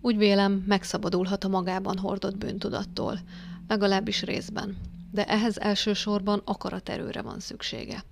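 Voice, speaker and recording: A woman voicing a calm, measured male psychiatrist who speaks softly and clinically. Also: mid-range voice, gravelly, slight background noise, lightly acted.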